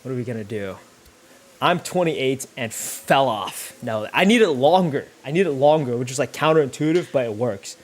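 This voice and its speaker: A young man livestreams on YouTube while making thumbnails, chatting loosely and thinking aloud in slangy, sweary rambles. His voice is medium-pitched with lively intonation at normal speed, and there's a little hiss or hum in the audio.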